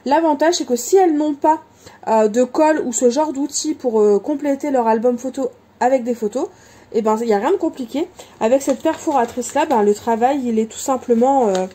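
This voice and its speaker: A woman hosts a casual craft vlog, displaying her supplies in a high, warm voice. Her chatter is loose and conversational, with lots of filler words and corrections.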